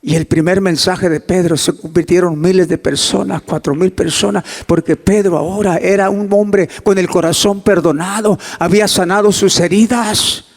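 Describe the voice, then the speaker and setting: A male pastor preaching a sermon, swinging from soft near-whispers to loud emphatic climbs and acting out dialogue in a hushed voice. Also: high voice, fairly even intonation, moderate pace, creaky, few pauses, big-room sound. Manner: acts out quoted dialogue in a hushed voice.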